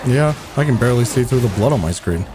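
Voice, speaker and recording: A man's voice: mid-range voice, expressive, fast talker, over music. A man chatting while playing a co-op game, teasing with dry wit. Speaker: co-op game partner. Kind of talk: casual chat while gaming.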